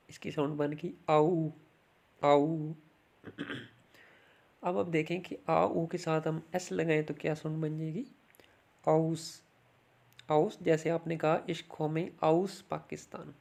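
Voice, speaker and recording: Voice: mid-range voice, little pitch movement, measured pace, creaky, a little mellow. A language teacher giving a recorded lesson, explaining sounds step by step and saying each word twice for the learner to copy.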